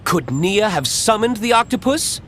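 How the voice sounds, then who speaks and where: An audiobook narrator voicing a brisk, pushy woman TV reporter hungry for a scoop. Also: mid-range voice, sing-song, a bit bright, a little hiss or hum, pitched above the performer's own voice. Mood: eager brisk. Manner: brisk, announcer-like. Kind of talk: audiobook character voice.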